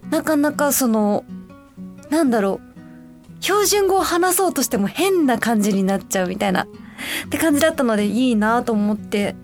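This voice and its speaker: A young woman from Osaka hosts a relaxed radio show in a high, light voice. She chats in a friendly way, drifting through soft fillers as she thinks aloud. Faint music plays quietly behind her. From Osaka, Japan. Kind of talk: casual radio chat, reading listener letters.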